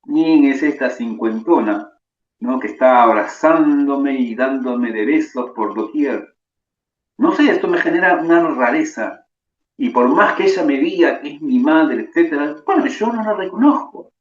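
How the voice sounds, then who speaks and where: A man's voice: medium pitch, expressive, unhurried, reverberant, far from the mic, lo-fi sound, pitched above the performer's own voice, close to an everyday voice. A man voicing the puzzled inner thoughts of a teenage boy with amnesia. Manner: puzzled, wary inner monologue.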